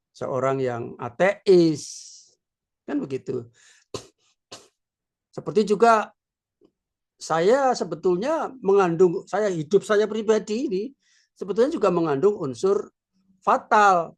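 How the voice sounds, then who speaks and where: A man in his sixties, a philosophy professor, giving an informal lecture in a slow, reflective way with many filler words. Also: high-pitched. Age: 60s. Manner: unhurried, reflective, with frequent filler "ya".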